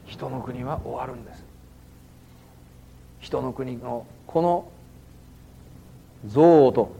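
Speaking in a church hall, this male pastor has a high-sitting voice with a dark tone, and the recording carries a faint hiss or hum. He delivers his sermon conversationally, leaning on the filler "ano" again and again.

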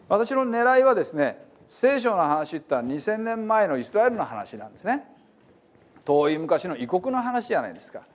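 A middle-aged male pastor from Hiroshima with a Hiroshima accent, giving a chatty, self-deprecating sermon introduction with frequent fillers. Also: fairly high pitch. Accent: Hiroshima Japanese. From Hiroshima, Japan.

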